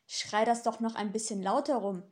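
A woman's voice: a little high, normal speed, darkish tone, natural voice. A woman voicing Florian, a sneering demon. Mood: mocking. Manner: sneering, dry, sarcastic. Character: sarcastic mocking male demon, grinning. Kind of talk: audiobook dialogue.

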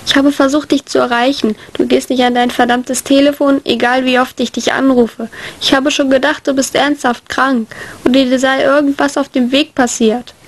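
A woman voicing a worried, exasperated visitor in a whispered role-play audio story, speaking softly and pleadingly. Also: high voice, flat delivery, normal speed. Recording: faint hiss.

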